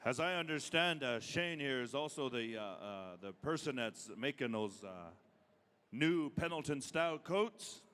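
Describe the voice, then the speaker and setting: A man working as a powwow emcee, announcing live and informally, calling out names with drawn-out emphasis between halting asides. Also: mid-range voice, expressive, a bit bright, smooth. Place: large arena, over a PA system. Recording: reverberant large hall PA sound.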